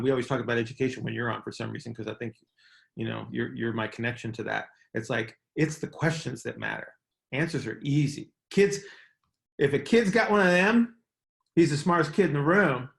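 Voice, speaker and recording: With a medium-pitched, slightly bright voice and vocal fry, a middle-aged man runs a relaxed coaching call. He explains emphatically and repeats key words, checking in with "right?" again and again.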